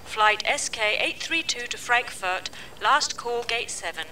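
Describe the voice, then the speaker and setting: A woman reading a scripted airport flight announcement in a formal, measured way, repeating each notice. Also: a little high, lively intonation, pushed and bright. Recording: distant mic with faint background noise.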